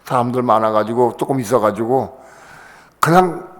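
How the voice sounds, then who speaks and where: Gravelly and slightly slow, an older pastor's voice fills a church sanctuary as he gives an emotional testimony. He breaks into passionate bursts where his pitch rises sharply, all captured with the long reverb of a church hall.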